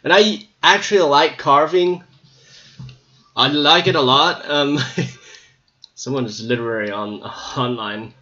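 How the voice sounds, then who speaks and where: With a fairly high, pushed, bright voice on a lo-fi recording, a man gives a little slow gameplay commentary and pauses often. His rambling, casual video narration sounds slightly scratchy and is full of hesitant ums.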